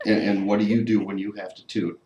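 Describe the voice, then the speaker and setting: A man's voice: on the low side, flat delivery, fairly quick, mellow, lo-fi sound. A man hosting an interview, asking wry, teasing questions in a casual way. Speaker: interviewer host. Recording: echoey room with faint noise.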